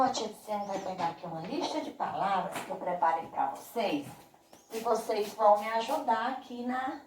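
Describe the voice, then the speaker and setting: A Brazilian Portuguese-speaking woman teaching a primary school class by video, drawing out each word slowly and speaking with affectionate diminutives. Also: a little high, roomy sound, recorded from a distance, poor audio. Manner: slow, drawn-out emphasis on words. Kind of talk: remote class video lesson.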